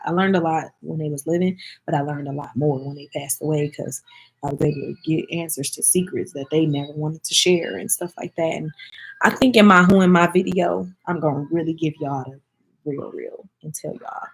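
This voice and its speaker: A low-voiced woman opens up to her viewers in a casual vlog. Her voice is husky and gravelly, and she sounds close to tears. She calls her audience "y'all" and speaks straight to them. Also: rough recording. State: teary-eyed. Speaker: vlogger answering viewer comments. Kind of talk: casual emotional chat.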